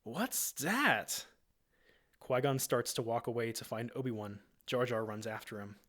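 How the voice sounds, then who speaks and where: A man's voice: medium pitch, fairly even intonation, fairly quick. A man reading screenplay stage directions aloud in a plain amateur way, now and then breaking off to comment. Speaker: reader.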